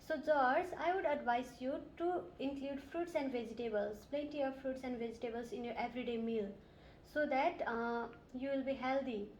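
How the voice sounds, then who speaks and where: A Nepali woman plays a nurse in a scripted health assessment role-play, asking polite, methodical questions. Her voice is high and moderately paced. Slight background noise and a roomy echo are audible.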